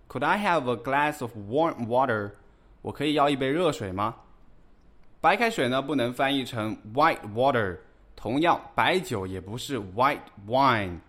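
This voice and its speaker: A man's voice: mid-range voice, a bit bright. A man teaching English vocabulary in a scripted lesson, repeating each word carefully.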